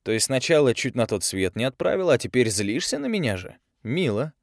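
A man's voice: mid-range voice, very animated, fairly quick, gravelly, no echo, clean studio sound, voice pushed up. A man voicing a curt, sarcastic young man. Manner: curt, sarcastic, through teeth.

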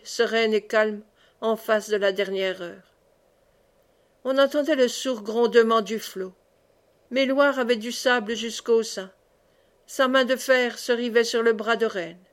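A woman reading a classic novel aloud as an audiobook, expressive in the dialogue. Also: a little high. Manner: expressive, raises voice for cries. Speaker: audiobook reader.

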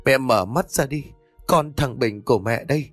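A man's voice: mid-range voice, moderate pace, no echo, faint music behind, natural voice. A man voicing a grieving younger son who sobs over his mother and confronts his brother. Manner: sobbing pleas, then accusing.

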